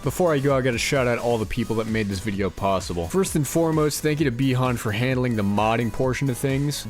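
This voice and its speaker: A man narrating game footage in a wry, sarcastic voice-over, his pitch sitting in a plain middle range. Faint music plays underneath. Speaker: gaming youtuber narrator.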